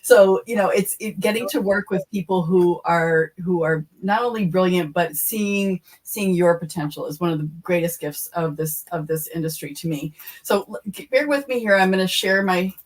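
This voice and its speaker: Effusive woman hosting a webinar, low voice. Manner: effusive, halting. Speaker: host. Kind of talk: casual webinar talk.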